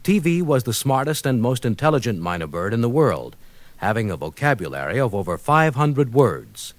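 Stately announcer on an old record. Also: male voice, medium pitch, big pitch swings, moderate pace, no echo. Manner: stately, ceremonious delivery. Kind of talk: formal record-album introduction.

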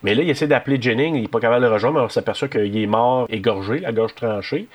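A man's voice: medium pitch, fast. Man recapping a horror film. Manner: rambling recaps with many fillers. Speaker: podcast co-host. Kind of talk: casual chat reviewing a film.

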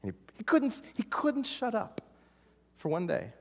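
A male pastor delivers a dramatic sermon, his voice leaping up and down in pitch. He moves between near-whispers and forceful emphasis. His voice sits a little high, and long reverb from the hall trails after his words. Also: wildly swooping pitch, unhurried, creaky. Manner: dramatic, swings from hushed to emphatic.

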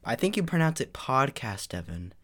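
A man's voice: medium pitch, animated, normal speed, a bit bright. Teasing young man co-hosting. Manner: playful, teasing. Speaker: podcast co-host. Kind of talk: casual comedy chat.

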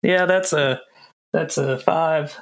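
Bright, higher-pitched man playing a game. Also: slow pace. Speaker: tabletop game player. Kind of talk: casual game chat.

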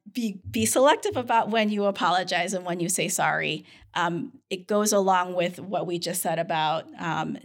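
A woman physician co-hosting a podcast, speaking in casual teaching style with an earnest manner and frequent "um" fillers. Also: lowish voice. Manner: earnest, frequent "um" fillers, gives example phrases.

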